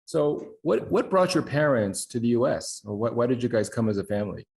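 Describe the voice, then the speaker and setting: A man's voice: mid-range voice, expressive, fairly quick, creaky, a little mellow. A man hosting an interview, asking friendly questions with light jokes. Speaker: interview host. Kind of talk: casual interview conversation.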